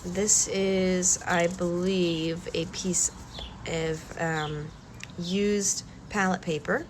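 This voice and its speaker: A woman with a low, soft voice speaks slowly and hesitantly, with many pauses and fillers, and her nose sounds slightly stuffy from a cold. She's a calm collage-art vlogger demonstrating her work, with steady background noise behind her.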